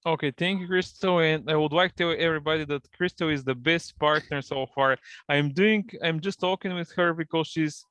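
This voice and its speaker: A man's voice: fairly high pitch, normal speed, a bit bright, clean tone, no echo. Bulgarian guy on a video call, dry close sound, explains stuff in careful second-language english. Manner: fluent non-native English, explanatory. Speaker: guest, partnership manager. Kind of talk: online interview.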